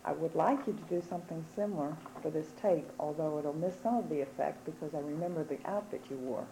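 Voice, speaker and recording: A woman's voice: sits low, fast talker, warm tone, slight background noise, low-quality recording. A woman interviewing a relative, fondly recalling a family event as she sets up her question. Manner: fond, reminiscing storytelling. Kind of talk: casual chat.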